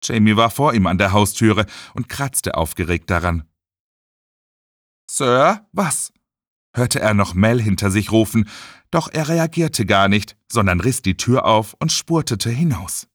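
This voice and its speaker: A man reading an audiobook as narrator in a dramatic, expressive way. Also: fairly low pitch, moderate pace, no echo, clean studio sound. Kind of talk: scripted narration.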